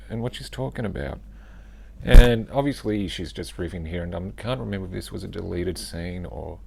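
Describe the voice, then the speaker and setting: Gravelly low Australian man joking. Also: darkish tone. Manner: joking, incredulous asides. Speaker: YouTuber reviewing movie clips. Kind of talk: casual reaction commentary.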